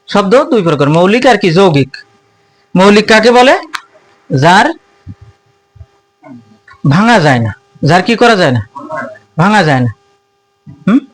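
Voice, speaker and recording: A male teacher giving an informal grammar lesson to students. He asks questions, answers them himself and keeps repeating the key terms. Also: high voice. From Bangladesh. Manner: colloquial, informal address to students.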